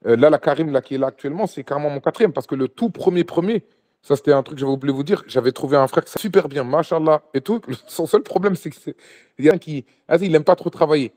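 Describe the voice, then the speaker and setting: A man's voice: fairly high pitch, fast, darkish tone. A man guest telling a travel-guide story in a casual interview, acting out dialogue with many restarts.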